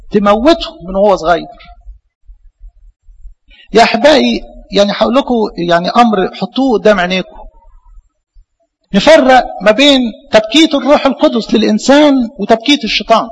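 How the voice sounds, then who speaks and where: A man with an Egyptian Arabic accent preaching a sermon as a priest, lively, with many rhetorical questions. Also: high voice, big-room sound, rough recording.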